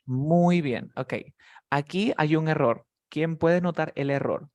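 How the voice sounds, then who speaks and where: A man's voice: fairly high pitch, takes it slowly, darkish tone, no echo. A man teaching English to beginners in a live class, patiently drilling words and calling on students by name.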